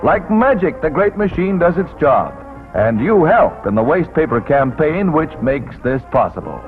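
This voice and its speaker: A man narrating a 1940s wartime newsreel in a brisk announcer delivery with punchy quips, heard as old newsreel sound. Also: fairly high pitch, big pitch swings. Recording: tinny 1940s newsreel soundtrack with loud music.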